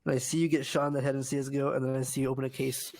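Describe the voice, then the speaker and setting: A man's voice: mid-range voice, level tone, rapid-fire, darkish tone. A man teasing a friend on a casual podcast, with a mocking tone. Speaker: podcast co-host.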